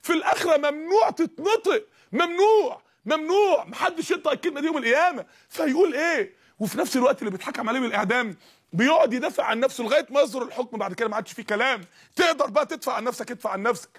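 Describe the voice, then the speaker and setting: A man with an Egyptian Arabic accent preaching a fiery sermon, firing rhetorical questions and rising to shouts. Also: very high voice, racing, breathy edge.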